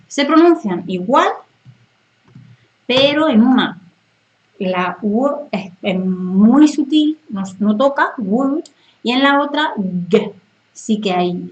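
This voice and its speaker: A woman with a Spanish accent teaches English grammar in a live online lesson, her voice sitting a little high. She mixes Spanish and English and keeps checking in with students. The stream audio is dull and lo-fi. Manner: switches between Spanish and English, checks in often with "¿vale?".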